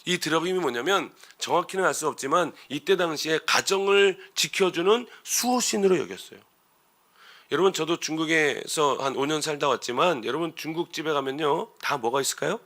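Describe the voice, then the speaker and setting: Bright-voiced man preaching a sermon. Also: fairly high pitch, lively intonation, fairly quick. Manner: conversational preaching with rhetorical questions, rising to emphatic outbursts. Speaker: pastor. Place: church sanctuary.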